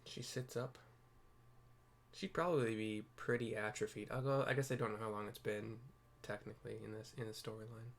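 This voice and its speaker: A lowish, fairly evenly intoned man's voice moves along briskly. As host of a game playthrough video, he narrates scenes casually and off the cuff, wandering a bit and mocking himself while searching for what to say.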